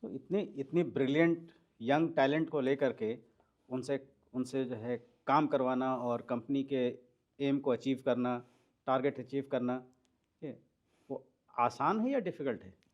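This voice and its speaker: A man's voice: medium pitch, unhurried, muffled recording. A man hosting a casual podcast interview, asking questions and humming agreement often. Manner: frequent short hums of agreement. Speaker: podcast host.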